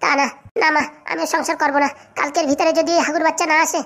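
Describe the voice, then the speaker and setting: A tearful young cartoon wife whines and complains in a very high, squeaky voice. Her words tumble out in a rapid, breathless rush. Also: little pitch movement, creaky, sharp tone, full character voice. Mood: aggrieved. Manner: whining, complaining. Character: whiny tearful young married daughter. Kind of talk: cartoon voice acting.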